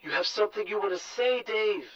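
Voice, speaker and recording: A man voicing a small earnest boy who pleads with a crowd, in a high soft voice. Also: brisk, highs cut off.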